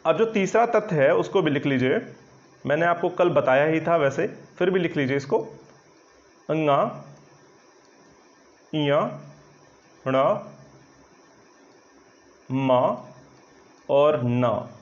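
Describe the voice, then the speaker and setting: A man's voice: fairly high pitch, animated, slow, long pauses. A male Hindi grammar teacher giving an online exam-prep lesson, explaining patiently and checking often that students follow. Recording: slightly dull lo-fi sound.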